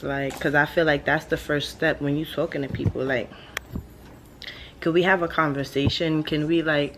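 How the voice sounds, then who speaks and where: Chill stoner girl late 20s rambling to camera, slangy n sweary, bit of background noise. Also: deep voice. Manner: slangy, blunt, sprinkled with swearing. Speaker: vlogger. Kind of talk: casual rambling monologue to camera. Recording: steady background ambient noise.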